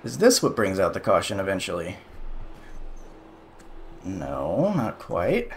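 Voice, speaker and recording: A man's voice: low voice, wildly swooping pitch, slow, a little hiss or hum. Sarcastic young man commenting on a race. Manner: sarcastic, exasperated remarks. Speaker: sim racing YouTuber. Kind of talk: casual race replay commentary.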